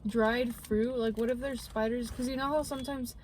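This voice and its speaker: A young woman co-hosts a podcast, her fairly high voice carrying a darkish tone and fairly even intonation at a normal speed. She chats casually, rambling through stories packed with fillers. A little hiss or hum sits under the recording.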